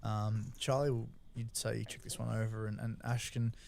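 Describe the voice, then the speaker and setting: A man's voice: fairly low pitch, level tone, normal speed, creaky, a little mellow, a little hiss or hum. A man giving informal, explanatory strategy analysis as a poker co-commentator, often checking that the listener follows.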